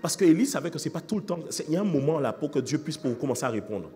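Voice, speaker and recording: A man preaching a sermon as pastor, fervent, shifting from shouted calls to fast, quiet explaining. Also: a little high, animated, in a large hall, faint music behind. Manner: fervent preaching, swings between shouting and rapid quiet talk.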